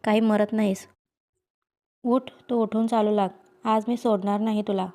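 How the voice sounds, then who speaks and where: A woman's voice: mid-range voice, flat delivery, moderate pace, warm tone, lightly acted. A woman voicing a stern village mother in a storybook reading, speaking in a commanding, scolding way.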